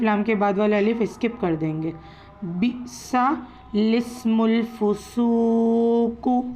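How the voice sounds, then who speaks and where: A woman teaching Quran recitation rules, slowly spelling out letters and vowel marks before reading each word. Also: medium pitch, a little mellow, lo-fi sound, slight background noise. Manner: slow, drawn-out letter-by-letter recitation. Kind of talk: patient step-by-step lesson, spelling out letters.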